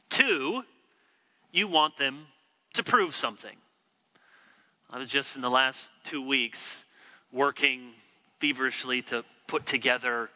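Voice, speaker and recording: A man's voice: medium pitch, pushed and bright. A man preaching an expository sermon, teacherly, who acts out the quoted complaints from scripture. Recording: long hall reverb.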